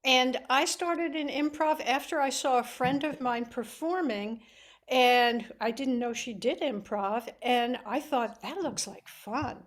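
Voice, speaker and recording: High-voiced woman. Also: a little slow. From United States. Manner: friendly, hesitant fillers. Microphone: video call.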